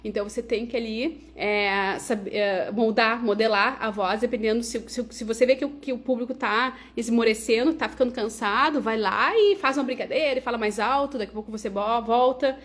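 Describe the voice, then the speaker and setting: Lively woman coaching speakers. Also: fairly high pitch, brisk, few pauses. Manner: lively, conversational, tags sentences with "né" and "tá". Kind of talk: livestreamed teaching talk.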